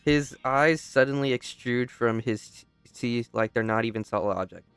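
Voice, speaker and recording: A man's voice: medium pitch, moderate pace, a bit bright, clear, resonant tone, no echo, soft background music. A young man reading a story game aloud, casually stopping to joke and restart lines. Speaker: gamer. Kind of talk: casual let's-play narration.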